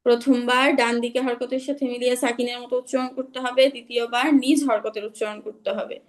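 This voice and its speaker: A woman's voice: on the high side, level tone. A young woman teaching Quran recitation rules in an online class, patient and repetitive, checking that her students follow; she is unwell. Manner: patient, repeats rules slowly, checks understanding.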